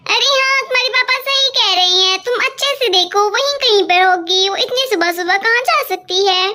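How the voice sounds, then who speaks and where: A busy mother doll bustling about breakfast in a doll story, voiced by a woman. The voice is very high and bright, brisk and reassuring.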